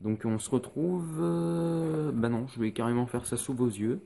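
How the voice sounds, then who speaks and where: A man's voice: mid-range voice, unhurried, gravelly, dark tone. Hesitant man explaining hobby painting. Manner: hesitant, many fillers, explains step by step. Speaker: miniature painting tutor. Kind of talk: casual painting tutorial. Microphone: phone.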